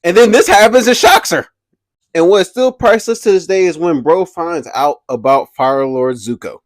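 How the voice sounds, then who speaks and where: A young man hosting a casual commentary video, animated and slangy, laughing often as he talks. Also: high voice, normal speed, no room sound. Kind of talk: casual pop-culture commentary.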